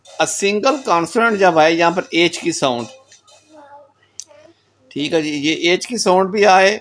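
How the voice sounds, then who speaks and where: A man with a Pakistani Urdu accent teaches German pronunciation in a recorded lecture. His voice sits somewhat high and his pace is unhurried. He works through examples patiently and drops English phrases into his explanations. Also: fairly bright tone. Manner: explains patiently, often repeats "theek ho gaya", mixes in English phrases.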